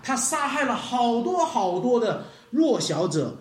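Preacher giving a sermon, voice swinging all over the place, acts out the bible folks, keeps asking the church stuff, roomy echo. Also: unhurried. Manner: animated storytelling with rhetorical questions to the congregation; acts out quoted voices with big pitch swings. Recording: echoey room.

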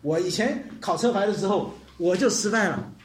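A preacher giving an animated sermon, dropping English words into the talk and asking the congregation questions. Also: medium pitch, normal speed, slight background noise. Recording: echoey hall.

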